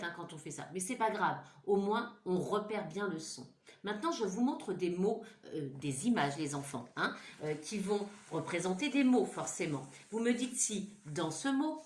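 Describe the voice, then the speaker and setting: A woman's voice: mid-range voice, darkish tone. A woman teacher giving a home-school lesson to young children, patiently repeating sounds and words for them to echo. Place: home room. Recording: echoey room.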